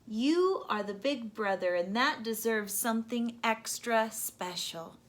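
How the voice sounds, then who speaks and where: A woman's voice: a little high, lively intonation, takes it slowly, a little hiss or hum. A woman voicing a loving mother raccoon in a children's storybook, speaking in a tender, soothing, motherly way.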